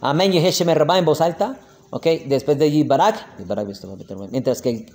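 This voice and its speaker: A man with a Colombian Spanish accent teaching a lesson on prayer customs, explaining step by step, slowing down to spell out the prayer words and often checking in with his listeners. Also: a little high, a little mellow.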